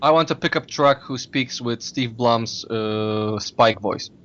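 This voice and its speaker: Joking man with bright, edgy voice. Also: medium pitch, takes it slowly, muffled recording. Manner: joking, rattles off lists of names. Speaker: podcast co-host. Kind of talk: casual podcast chat.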